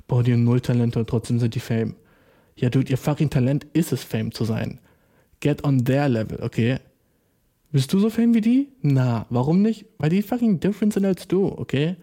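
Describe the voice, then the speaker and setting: A man's voice: fairly high pitch, warm tone. A young man delivering a profane, sarcastic solo comedic rant full of slang, as host.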